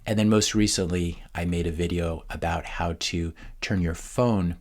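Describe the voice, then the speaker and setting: A man with a very low, husky voice teaches in a steady, explanatory way. He talks at an even pace and lays out points one after another. Now and then he pauses on a filler. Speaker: channel host and teacher. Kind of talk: educational monologue.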